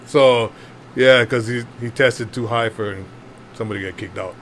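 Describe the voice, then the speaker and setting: A man in his fifties from Hawaii speaks on a panel, telling his story to a group in chatty, self-deprecating English tinged with Hawaiian Pidgin, full of fillers and laughter. His medium-pitched voice is steady and a bit bright, at a moderate pace, with slight background noise.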